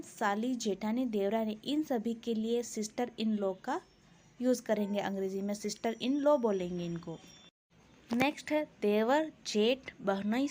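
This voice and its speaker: A woman teaching English, explaining in Hindi and saying each English phrase slowly and carefully. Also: on the high side, a little mellow. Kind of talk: spoken English lesson in Hindi.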